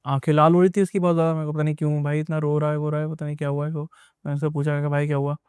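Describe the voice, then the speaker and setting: Young male guest, rapid rambling storyteller, clear dry voice. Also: on the high side, little pitch movement, a little mellow, dry recording. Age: young adult. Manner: rambling, repetitive retelling with many asides. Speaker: guest recounting an experience. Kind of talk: casual spoken storytelling.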